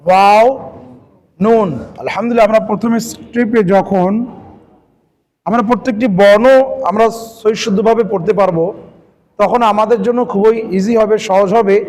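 A man's voice: high voice, long reverb tail. A man teaching Arabic letter reading step by step, patiently repeating points and asking his listeners questions. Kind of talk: step-by-step recitation lesson.

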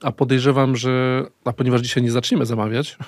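A man in his thirties co-hosting a political podcast, speaking measured and hesitant, often pausing with fillers, on a studio desk mic. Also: medium pitch, little pitch movement, dry recording. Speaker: political commentator co-host. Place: small dark padded studio. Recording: dry close studio sound.

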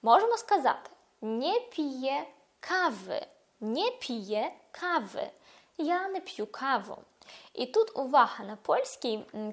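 A woman teaching a Polish lesson for beginners, explaining patiently and saying example words slowly and carefully. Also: fairly high pitch. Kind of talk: online language lesson.

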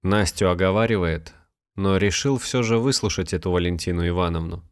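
A man narrating a scripted story in an even, measured reading. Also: sits low, clear, resonant tone.

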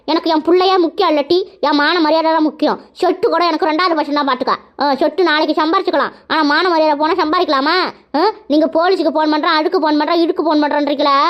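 A woman's voice: high-pitched, muffled recording, natural voice. Woman voicing a harsh scolding mother-in-law. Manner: scolding, rapid, indignant. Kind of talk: cartoon voice acting.

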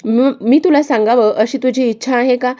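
A jealous young woman loses her temper and fires sharp accusing questions, as a woman narrator reads her part. Her tone stays cutting and hostile. The voice stays close to the narrator's own. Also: a little high, normal speed, natural voice. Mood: angry accusing.

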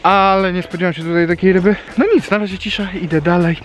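This thirtysomething fishing vlogger talks fast in a high-sitting voice with fairly even intonation, chatting and explaining while he fishes by a small river. It's casual outdoor vlog talk, and the recording carries a little hiss or hum.

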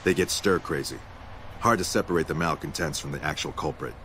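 An actor playing a businesslike military captain in a video game, measured and matter-of-fact. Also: male voice, rumbling low, a bit bright, a little hiss or hum. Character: gruff, businesslike military captain hunting a mole. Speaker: army captain.

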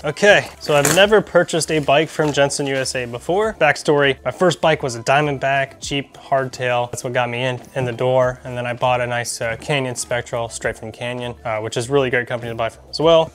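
Excited man chatting casually on a vlog. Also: mid-range voice, a little hiss or hum. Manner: enthusiastic and chatty, with frequent fillers. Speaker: mountain bike vlogger. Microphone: shotgun or wireless mic.

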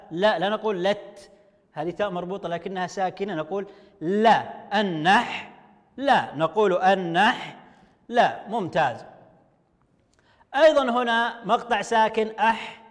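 A male teacher giving an online language lesson to young children, slowly sounding out words syllable by syllable. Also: high-pitched, in a large hall. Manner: slow, drawn-out syllable-by-syllable explaining. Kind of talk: online Arabic lesson for first graders.

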